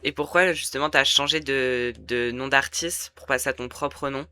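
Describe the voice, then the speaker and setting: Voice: mid-range voice, steady tone, moderate pace, bright, forceful tone, clean tone, dry recording. An interview host asking questions casually, stumbling through fillers and rephrasings.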